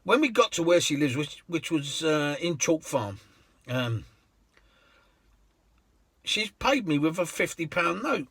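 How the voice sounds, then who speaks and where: A man, a cab driver telling anecdotes in a chatty way, laughing often and filling pauses with ums. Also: a little high, big pitch swings, a bit bright, slightly rough, no echo. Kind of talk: anecdotal storytelling.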